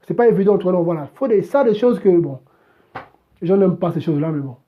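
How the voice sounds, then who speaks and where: A man's voice: high voice, animated, quick pace, narrow, tinny audio. A man preaching live on a stream and answering chat questions in a direct, exhorting, repetitive way. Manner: exhorting, repetitive, keeps saying "voilà".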